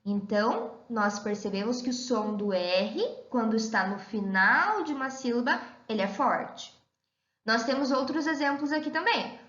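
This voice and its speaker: Woman teacher, slow lively sing-song delivery, echoey room, dull lo-fi sound. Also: on the high side. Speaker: primary school teacher. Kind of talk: online lesson for young children.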